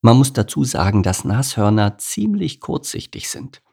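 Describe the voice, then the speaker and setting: A man narrating a children's animal story as an audiobook, reading lively and expressively. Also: mid-range voice, normal speed, vocal fry, breathy edge.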